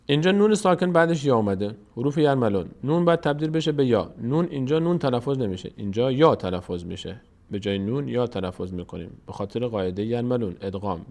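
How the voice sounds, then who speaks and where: A man teaching Quran recitation step by step, patiently repeating words slowly and drawn out, then explaining the rules quickly. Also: lowish voice, a little mellow. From Tajikistan.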